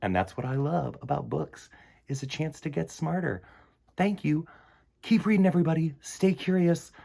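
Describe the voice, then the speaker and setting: Hosting storytime for kids, a man reads aloud and chats with theatrical emphasis, swinging from loud bursts to hushed asides. His voice is on the high side with vocal fry, at a normal speed.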